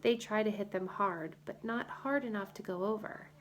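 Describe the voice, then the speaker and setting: A woman voicing a tough, sporty girl who speaks in a cool, low-key way. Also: moderate pace, natural voice.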